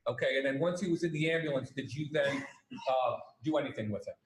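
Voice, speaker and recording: A man questioning a witness as an attorney, measured and methodical, heard in a courtroom recording. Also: medium pitch, reverberant, slight background noise, poor audio. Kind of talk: courtroom examination.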